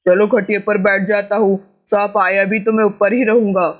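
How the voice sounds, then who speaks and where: A man's voice: high voice, flat delivery, moderate pace, lightly acted. A man voicing a lazy, timid young village son in a doll story, whining and complaining. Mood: whiny. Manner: whiny, complaining.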